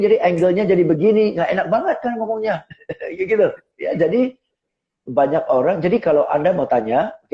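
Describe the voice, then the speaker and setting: A middle-aged man coaching on sales in a live online talk, lively and rhetorical, often asking listeners to agree. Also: fairly high pitch, dull audio. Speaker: seminar speaker and sales coach. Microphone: phone on a tripod.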